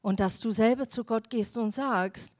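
A woman's voice: on the high side, moderate pace. A woman pastor giving a sermon, speaking emphatically and putting questions straight to the congregation. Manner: addresses the congregation directly with questions.

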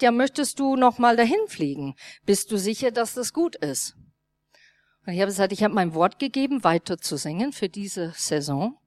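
In a dry recording, a woman pastor with a lowish voice, aged 30s or older, preaches while telling a personal story. Her storytelling is lively, she voices the dialogue herself, and her grammar has small non-native slips.

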